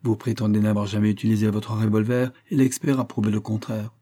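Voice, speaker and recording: A man's voice: fairly low pitch, fairly even intonation, brisk, lightly acted. A man reading aloud, voicing a severe investigating judge who questions curtly and with authority. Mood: stern. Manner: sharp, curt, authoritative. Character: stern male investigating judge, severe and commanding.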